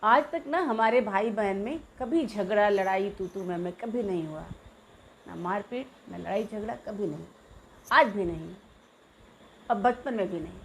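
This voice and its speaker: A middle-aged woman from Bihar, telling childhood memories in a lively, animated way. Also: medium pitch, a little slow, slight background noise. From Bihar, India. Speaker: storyteller. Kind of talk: personal childhood storytelling.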